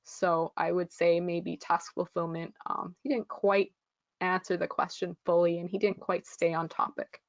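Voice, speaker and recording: A woman's voice: fairly low pitch, flat delivery, moderate pace, no room sound, highs cut off. A woman teaching a live online test-prep lesson, explaining scores in a friendly way with frequent ums.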